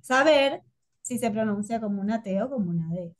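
High-voiced woman teaching English on a video call. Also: expressive, a little fast. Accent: Argentine Spanish. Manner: patient, drills pronunciation, checks understanding. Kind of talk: online class.

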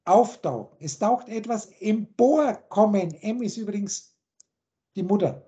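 A woman's voice: mid-range voice, unhurried, mellow. A woman on a video call, teaching in a lecturing way and listing word after word with their meanings. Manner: lecturing, lists words and meanings in long chains. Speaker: teacher explaining word roots.

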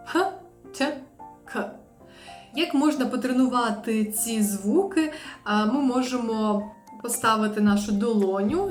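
A woman with a somewhat high voice gives a pronunciation lesson. She drills each sound slowly and with care. The room is roomy and echoey, with faint music behind her. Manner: slow, careful drilling of sounds. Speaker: English teacher.

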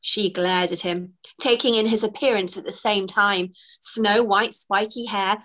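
A woman author reads her children's book aloud over a webcam from an indoor home room lined with bookshelves, telling the story expressively. Her voice is mid-range and a little slow.

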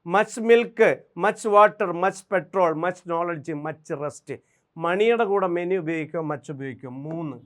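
A man with a Malayali accent, a native Malayalam speaker, teaching English grammar for exams, drilling examples and asking quick questions. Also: high voice. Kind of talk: exam-prep grammar lesson.

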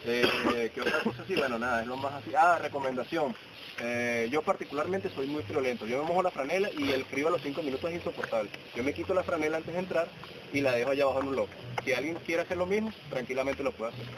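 Speaking rapidly at a mid pitch, this young adult cave guide with a Venezuelan Spanish accent runs through a casual safety talk mixed with stories. The setting is a forest beside a signboard, and a camera a few steps off captures noisy, low-grade sound.

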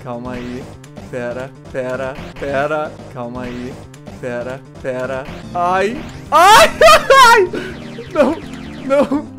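A man doing let's play commentary, excitable, yelping and shrieking in panic as he plays. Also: mid-range voice, takes it slowly, soft background music. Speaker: gamer.

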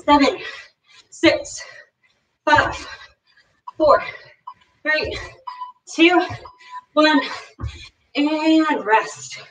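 A woman fitness instructor leading a live workout, giving energetic, encouraging cues and counting reps, a little out of breath. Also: sits high, extremely slow, long pauses. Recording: roomy, distant, dull lo-fi sound.

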